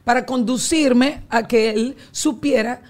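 A woman in her forties with a Venezuelan accent, a guest telling family stories in a loose, animated way full of restarts and slang. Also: a little high, slow pace. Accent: Venezuelan Spanish. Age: 40s. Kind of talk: casual storytelling chat.

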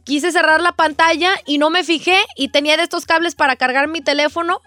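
A woman's voice: sits high, fairly even intonation, fairly quick, bright, forceful tone, dry recording. A woman chatting casually and slangily as a radio co-host.

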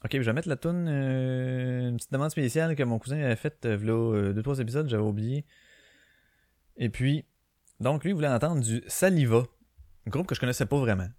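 Brisk and darkish in tone, a medium-pitched male voice with a Québécois French accent rambles through a casual solo podcast from his bedroom, full of fillers and restarts. He uses a small home microphone, yet the sound is clean and studio-like with no echo.

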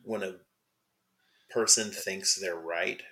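Man, podcast co-host, deep low voice with a sharp brightness, relaxed chat. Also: slow. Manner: laid-back, agreeable, short replies. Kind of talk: casual comic book chat.

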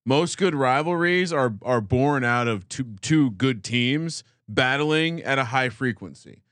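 A man's voice: mid-range voice, lively intonation, measured pace, fairly bright tone, no echo. Co-host, male, mid-range voice. Reasons through a casual sports debate at close, dry range. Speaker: podcast co-host.

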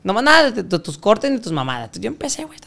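A man's voice: high-pitched, big pitch swings, very fast, vocal fry, pushed and bright. A young Mexican man with a Mexican accent, telling a crude, slang-filled story in casual chat. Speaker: podcast guest telling his story.

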